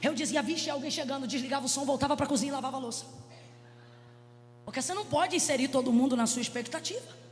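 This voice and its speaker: A woman pastor with a Brazilian Portuguese accent, preaching a Pentecostal sermon into a handheld mic, swinging from hushed storytelling to shouts. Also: high-pitched, fast, pauses often, slight background noise. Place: large church hall. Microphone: handheld microphone. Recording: reverberant church hall with music.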